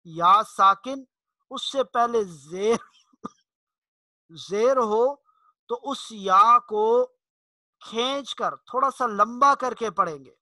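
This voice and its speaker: Man, high bright voice, recitation teacher, dry close sound, alternates explanation with slow chanting. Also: dry recording. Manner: explains slowly, then chants verses drawn out. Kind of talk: recitation lesson with chanted examples.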